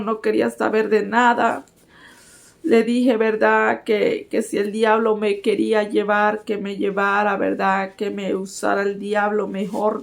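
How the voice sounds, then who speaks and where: A woman's voice: medium pitch, creaky. A woman giving a personal religious testimony, earnestly speaking to her listeners as brothers and sisters.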